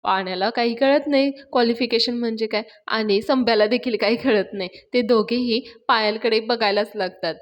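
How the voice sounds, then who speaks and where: A woman's voice: fairly high pitch, moderate pace, hardly any pauses. Woman recapping a TV serial episode. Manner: steady retelling, scene by scene.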